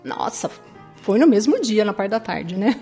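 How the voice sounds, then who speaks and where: A woman with a Brazilian Portuguese accent shares an earnest personal faith testimony, often ending her sentences with a questioning "né?". Her mid-range voice is expressive and dark-toned at a normal speed, with faint music behind her.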